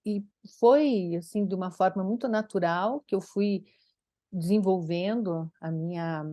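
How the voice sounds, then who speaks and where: A woman speech therapist from Brazil telling stories from her career in an interview, lively and expressive. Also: no echo, clean studio sound. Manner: animated, acts out quoted dialogue with big pitch jumps. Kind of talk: conversational interview storytelling.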